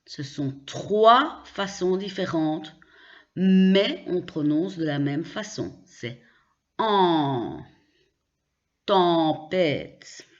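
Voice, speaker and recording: A woman's voice: on the low side, lively intonation, slow, dull audio. A woman teaching French pronunciation, spelling out letters and carefully repeating example words. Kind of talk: slow pronunciation lesson.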